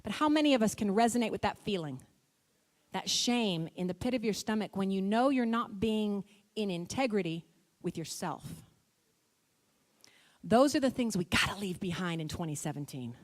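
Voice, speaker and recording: A woman giving a motivational church talk, emphatic and repetitive, with quick bursts of speech. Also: medium pitch, expressive. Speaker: motivational speaker. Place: church hall. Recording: long church hall reverb.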